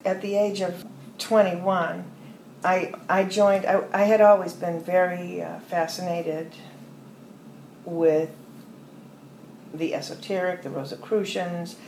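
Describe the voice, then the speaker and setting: An older American woman, a podcast interview guest, telling long rambling stories with soft trailing asides. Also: lowish voice, level tone, takes it slowly, pauses often. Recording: roomy echo with faint ambient noise.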